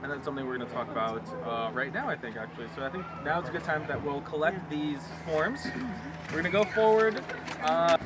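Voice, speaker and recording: A man in his thirties working as a zoo guide, explaining things informally and a bit haltingly to a group outdoors. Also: a little high. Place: outdoors by trees and a path. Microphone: handheld camera a few steps away. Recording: very noisy outdoor handheld recording.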